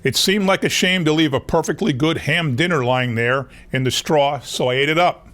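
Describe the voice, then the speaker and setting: A man's voice: a little high, moderate pace, a bit bright, natural voice. A man reading a children's picture book aloud as a wolf who insists he was wronged, in a folksy, confiding way. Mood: mock innocent. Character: wronged, self-excusing male wolf telling his story. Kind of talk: children's storybook narration.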